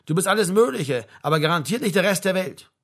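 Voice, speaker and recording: A man's voice: sits high, expressive, quick pace, husky, pitched above the performer's own voice, heavily acted. A man voicing a snide young sidekick. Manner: snide, calling in. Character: young man backing up his friend, snide.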